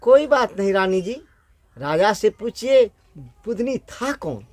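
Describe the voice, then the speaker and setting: Clever court minister, questioning, scolding, high voice, dry close sound, man reading. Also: very animated, takes it slowly, dry recording, exaggerated voice.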